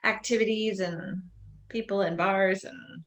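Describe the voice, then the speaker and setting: A woman's voice: medium pitch, fairly even intonation, a little slow. A woman hosting a casual video-call chat, chatty and upbeat, laughing easily. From not from Spain, lives in Spain. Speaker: host.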